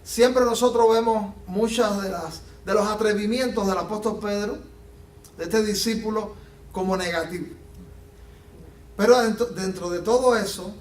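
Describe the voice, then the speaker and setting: A man preaching a sermon as pastor, animated and acting out the Bible scenes he tells. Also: sits high. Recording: echoey room from a distance.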